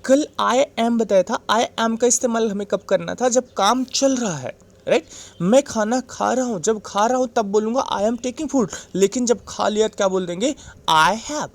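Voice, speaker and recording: Speaking in a high voice with an Indian accent, a male English teacher explains grammar one step at a time. He patiently repeats himself and pauses often to ask "right?", confirming the class is keeping up.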